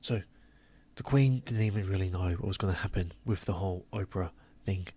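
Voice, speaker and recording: A man's voice: sits low, brisk, warm tone, slightly rough. A man giving scornful, sarcastic commentary to his audience, stretching words for emphasis. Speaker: commentary channel host. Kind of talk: opinionated commentary.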